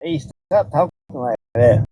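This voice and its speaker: A man's voice: on the high side, animated, measured pace, dark tone, slight background noise. A man hosting a casual livestream, talking in a laid-back, slangy way as he directs his chat. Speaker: livestream host.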